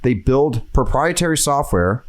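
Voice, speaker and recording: A man's voice: mid-range voice, expressive, unhurried. A man hosting a podcast, talking in casual chat and ranting with exasperated energy. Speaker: podcast host.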